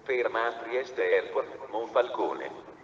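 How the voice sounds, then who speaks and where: Man, train station announcement, long reverb, noisy platform loudspeaker recording, formal clipped stock phrases. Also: mid-range voice, sing-song, takes it slowly, distant mic, dull audio. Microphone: distant recorder picking up loudspeakers. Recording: echoey station PA from afar, clear ambient noise.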